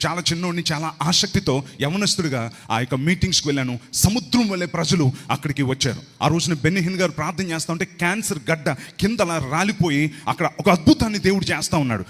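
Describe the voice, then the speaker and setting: A man giving a storytelling sermon testimony as a pastor. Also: on the high side. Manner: storytelling with quoted voices. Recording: long reverb hall.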